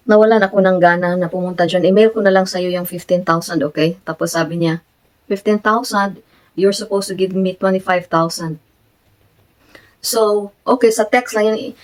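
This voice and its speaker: A woman's voice: on the low side, low-quality recording. A woman from the Philippines with a Filipino accent, telling a story in a casual vlog, switching between Tagalog and English as she retells her conversations. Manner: grows animated and emphatic. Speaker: vlogger.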